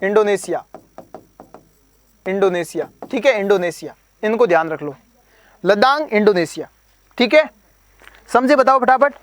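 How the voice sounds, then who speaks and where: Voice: medium pitch, lively intonation, a little slow, pauses often. A coaching teacher giving an exam preparation lecture, drilling terms by repetition, quizzing listeners and using playful memory tricks.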